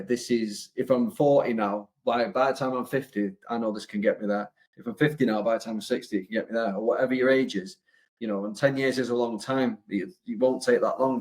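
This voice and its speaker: A man's voice: mid-range voice, a little mellow. A man with an English accent giving a casual motivational talk as a business coach, blunt and sweary, rambling with many fillers and restarts.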